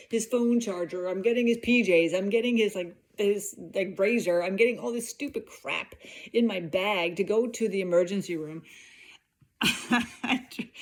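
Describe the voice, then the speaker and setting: A middle-aged woman hosting a podcast, talking candidly in a rambling personal monologue full of fillers. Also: mid-range voice. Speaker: podcast host.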